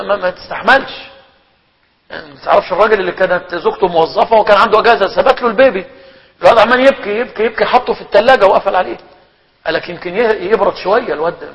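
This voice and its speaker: A middle-aged man with an Egyptian Arabic accent, an imam giving a religious lesson, animated and humorous, posing rhetorical questions and answering them himself. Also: high voice. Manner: humorous, laughs while telling anecdotes. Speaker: imam teaching a religious book. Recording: muffled recording in a reverberant hall.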